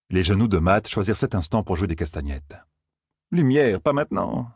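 A man with a low, husky voice narrates an audiobook, his pitch rising and falling with lively expression. The recording is close and dry. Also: dry recording. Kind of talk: scripted narration.

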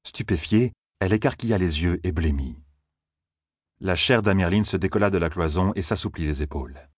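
Deep husky male narrator. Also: normal speed, dry recording, clean studio sound. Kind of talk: audiobook narration.

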